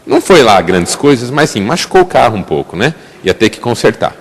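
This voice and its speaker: A man's voice: mid-range voice, fairly quick, breathy edge. A man with a Brazilian Portuguese accent preaching a sermon as pastor, telling stories with emphatic rises. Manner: lively storytelling, emphatic rises. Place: church. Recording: echoey church hall.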